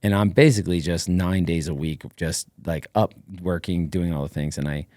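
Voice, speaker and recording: A middle-aged man talks as a guest on a podcast, spilling out a long story in an energetic, rambling way full of fillers. His voice sits very low. The sound is close and dry, like a studio mic with no room around it. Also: normal speed, no echo. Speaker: podcast guest, former Navy SEAL. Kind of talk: casual interview storytelling.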